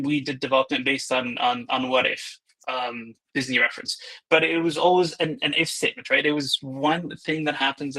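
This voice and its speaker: A man presenting in an online session with a bright, forceful tone. His voice is husky and a touch high. He talks in an opinionated, conversational way. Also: low-quality recording. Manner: opinionated, conversational, many restarts and ums. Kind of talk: casual webinar presentation.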